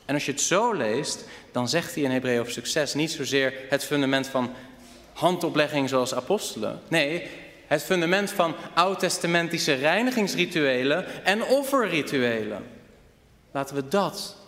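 Animated preacher man, higher voice. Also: moderate pace. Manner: animated, addresses the congregation with rhetorical questions. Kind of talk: sermon. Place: church hall. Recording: reverberant church hall.

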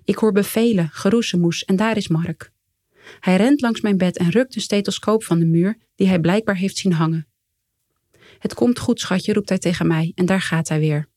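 Calm, low-voiced woman reading her memoir. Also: no echo, studio quality. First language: Dutch. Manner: calm, measured storytelling with quiet quoted dialogue. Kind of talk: first-person memoir reading.

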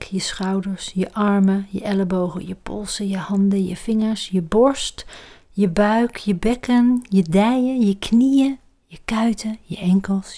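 A woman leading a guided relaxation exercise, speaking calmly and softly and often trailing into breathy near-whispers. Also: medium pitch.

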